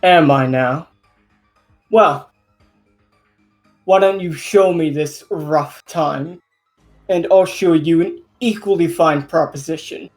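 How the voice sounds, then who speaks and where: A man plays a smug, mustache-twirling villain for a tabletop game. He is suave and menacing, taunting with formal flourishes over clear background music. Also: a little high, slow pace, pauses often.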